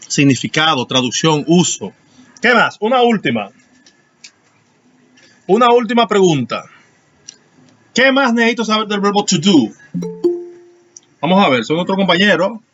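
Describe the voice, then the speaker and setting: Male teacher, slightly high voice, patient explaining, lo-fi online class audio. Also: expressive, normal speed, long pauses, fairly bright tone. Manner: explanatory, asks students questions. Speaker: English teacher.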